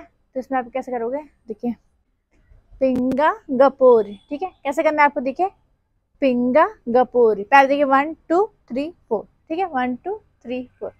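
A dance teacher leads a class, counting beats aloud and sometimes singing along as she demonstrates. Her voice sits high for a woman. The sound is close and dry, with little room echo. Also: highs cut off. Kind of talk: dance tutorial instruction with counting.

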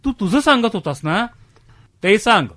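An actor playing an elderly man who insists his son cares for him, talking defensively and dropping low and soft when he hedges. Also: very animated, moderate pace, full character voice. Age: older. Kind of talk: radio drama acting.

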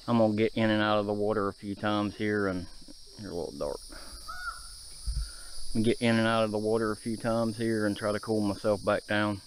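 Hiking through the woods toward a shallow creek, this thirty-something outdoor vlogger narrates casually to his viewers. His voice sits on the low side, and a little hiss or hum runs under it. The footage comes from an action camera, either handheld or worn on his body.

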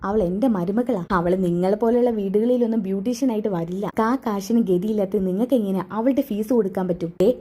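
A woman's voice: mid-range voice, fast, hardly any pauses, mellow, close to an everyday voice. A woman voicing a haughty, scornful rich mother-in-law in a serial recap, throwing insults and threats.

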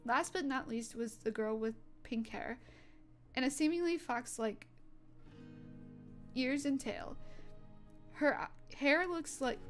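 A young woman with a fairly high voice narrates a role-play adventure in an easygoing way, often restarting her words and throwing in fillers. Faint music plays softly behind her.

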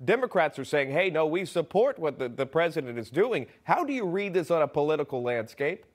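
A man hosting a cable news interview, running briskly through quotes before putting questions to his guest. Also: on the high side, big pitch swings. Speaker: news host.

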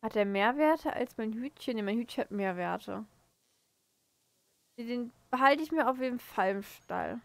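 A young woman chatting along as she plays, amused at her own slips. Her voice sits fairly high, and the desk mic at home gives a dry, close sound. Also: lively intonation, measured pace, gravelly, dry recording. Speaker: gaming host. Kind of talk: casual let's play commentary.

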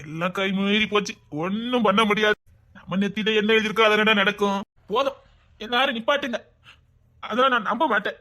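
A man's voice: high voice, steady tone, a little fast, pushed and bright. An actor with a Tirunelveli Tamil accent playing a jilted young man who whines and stubbornly refuses to accept his loss in a comedy sketch. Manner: whiny, defensive. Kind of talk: comic sketch banter.

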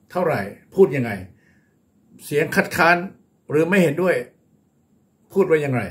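A male English teacher with a Thai accent gives a bilingual vocabulary lesson. He speaks very slowly and deliberately, spelling out numbers and key words one at a time. His voice sits a little higher than most men's. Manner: slow, deliberate, repeats words for learners.

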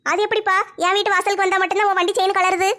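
A woman's voice: extremely high pitch, little pitch movement, very fast, bright, forceful tone. A woman voicing a stern, protective middle-aged village mother, lecturing and scolding.

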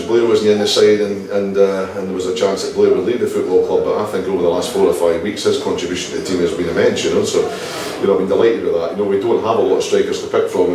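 A middle-aged Scottish football manager giving a post-match interview, talking quickly with lots of "you know" fillers. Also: male voice, sits low, mellow, very echoey, recorded from a distance, slight background noise, low-quality recording. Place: indoor press area in front of a sponsor board.

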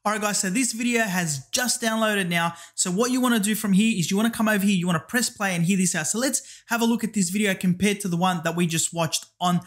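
A man with a high-pitched voice leads a screen-share tutorial. He talks through each step in turn and keeps saying "guys" and "over here". The delivery is casual and instructional. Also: quick pace, few pauses, fairly bright tone. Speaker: YouTube tutorial host.

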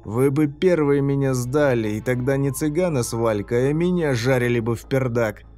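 A man's voice: medium pitch, normal speed, a little mellow, faint music behind, natural voice. A man voicing a sneering sadistic killer. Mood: taunting. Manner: taunting, sneering. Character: sadistic mocking male killer, cruel and playful.

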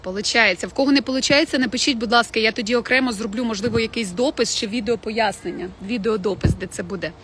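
A woman teaching French pronunciation in a casual live stream, chatting with viewers and modelling words slowly. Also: fairly high pitch, a bit bright, slight background noise. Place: home, in the evening.

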